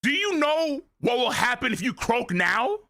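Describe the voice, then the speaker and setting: A man's voice: very high-pitched, big pitch swings, normal speed, gravelly, voice pushed up, exaggerated voice. A man voicing a stern, injured old male pirate who barks scolding at a youngster in a manga scene. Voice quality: loud and barking.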